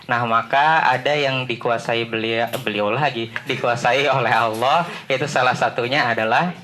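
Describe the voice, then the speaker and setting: A man giving a relaxed, chatty talk to trainee mentors, teasing the audience with questions. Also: medium pitch, moderate pace. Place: lecture room.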